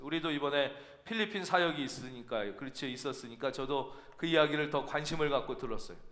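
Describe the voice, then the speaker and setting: A male pastor delivers a storytelling sermon, slipping into the voices of the people in his anecdote. His voice sits high and sounds bright and forceful. It rings out through a roomy church hall with a long, lingering reverb. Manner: storytelling, acts out quoted dialogue with rising emotion.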